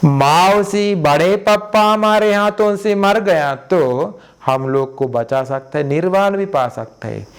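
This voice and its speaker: A Buddhist monk from Sri Lanka preaches, speaking very slowly with a smooth, resonant voice. He keeps his Hindi simple and repeats words to drive each point home. His voice sits a little high for a man. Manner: simple non-native Hindi, repeating phrases for emphasis. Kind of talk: sermon.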